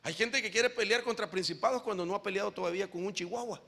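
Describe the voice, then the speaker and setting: Preacher, male, high and gravelly, bright edge, lively and animated sermon delivery. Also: quick pace. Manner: animated preaching, often calling listeners "brother"; asks the audience questions directly. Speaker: apostle preaching to a congregation.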